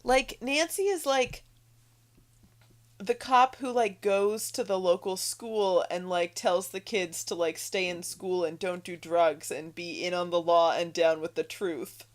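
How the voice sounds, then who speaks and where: A woman co-hosting a game stream, thinking aloud as she plays in a casual, wry, deadpan way. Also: on the low side, a little slow. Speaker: game streamer co-host playing the game. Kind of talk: casual live game commentary.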